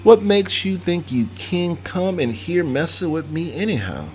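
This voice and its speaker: A man's voice: a little high, very animated, unhurried, a little mellow, faint music behind, voice pushed up. A man doing a defiant old man itching for a fight. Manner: gruff vernacular speech, challenging.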